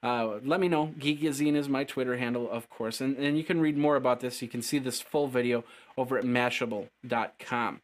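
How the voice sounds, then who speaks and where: A man's voice: mid-range voice, steady tone, fairly quick. A man hosting a casual tech news show, chatty and upbeat, often stumbling and restarting his phrases.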